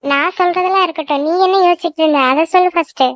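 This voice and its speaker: A woman voicing a young woman in a Tamil-language cartoon, chatting in a brisk, reassuring way. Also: very high-pitched, steady tone, no echo.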